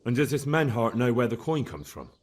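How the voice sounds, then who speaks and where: A calm young game hero. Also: male voice, medium pitch. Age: young adult. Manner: calm, measured, questioning. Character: young male hero questioning a prisoner, calm.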